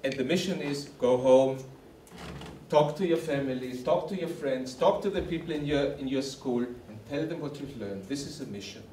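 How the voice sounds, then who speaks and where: A man's voice: medium pitch, normal speed, dark tone, slight background noise. A man addressing participants in a formal, encouraging closing speech. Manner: formal, encouraging, repetitive phrasing. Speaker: camp organizer. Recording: roomy hall from a distance.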